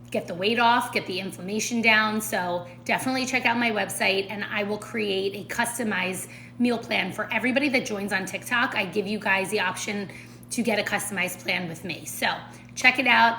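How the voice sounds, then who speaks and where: A woman's voice: medium pitch, normal speed, sharp tone, reverberant, slight background noise. A woman chatting casually to viewers during a live stream as she makes breakfast in her kitchen, full of fillers and asides. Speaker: food and nutrition creator. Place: home kitchen.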